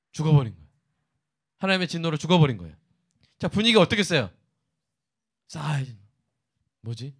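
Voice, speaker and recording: A man's voice: fairly high pitch, fairly bright tone. A man preaching a sermon, retelling a story with acted asides and sudden bursts of emphasis. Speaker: pastor.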